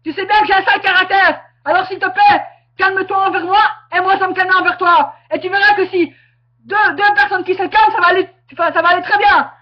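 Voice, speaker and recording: A woman ranting angrily into her webcam. She is confrontational and repeats herself, breaking into shouting. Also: extremely high pitch, steady tone, fast. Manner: confrontational, repetitive, bursts into shouting. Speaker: webcam vlogger. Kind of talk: angry direct-to-camera rant. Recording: muffled webcam audio.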